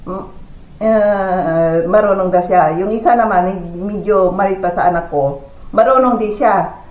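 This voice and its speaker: A woman's voice: mid-range voice, a little slow. A woman from the Philippines telling a story in a casual home vlog, chatty and full of fillers and exclamations. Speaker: family vlogger. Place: at home, indoors. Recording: echoey room, dull lo-fi sound.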